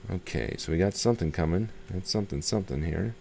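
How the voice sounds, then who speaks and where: A low-pitched, darkish-toned man talks fast as he demonstrates a radio repair for his hobby video. His commentary is casual and tentative, thought out loud and often repetitive, over clear background noise.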